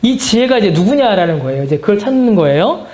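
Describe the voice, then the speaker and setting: A man's voice: high voice, big pitch swings, quick pace, a little mellow. A male pastor teaching a Bible study. He asks the class questions, answers them himself, and repeats key phrases for emphasis. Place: church meeting room. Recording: echoey church room.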